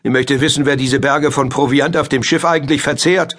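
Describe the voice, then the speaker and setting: A man's voice: a little fast, a bit bright. A man voicing a stern, nagging old great-grandmother in a children's audiobook. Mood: scolding. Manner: shrill, nagging complaints. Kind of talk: audiobook character voice.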